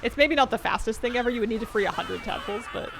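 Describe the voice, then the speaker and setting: A woman's voice: a little high, racing, vocal fry, background noise. A woman chatting casually as she streams a game, rambling and thinking aloud in a conversational way. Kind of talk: casual gaming commentary chat. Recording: game music behind voice. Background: video game music and sounds.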